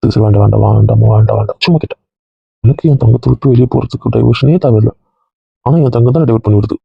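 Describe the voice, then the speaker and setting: A man's voice: medium pitch, fairly even intonation, rapid-fire, creaky, husky, dry recording, lo-fi sound. A man in a casual comedy skit, teasing and mock-threatening the others in a bossy way.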